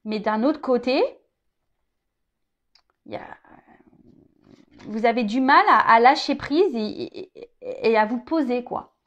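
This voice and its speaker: A woman reads tarot, speaking directly to the viewer in a chatty, hesitant way full of repeated words and fillers, with the occasional joke. Her voice is fairly high and fairly bright, a little slow with long pauses, and the highs are cut off.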